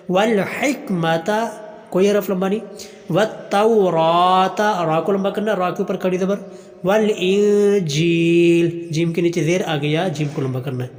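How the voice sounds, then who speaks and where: A man teaching Quran pronunciation, chanting verses slowly and melodically, then explaining each letter quickly in plain speech. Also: high-pitched, a little mellow, big-room sound. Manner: slow melodic recitation alternating with quick explanation.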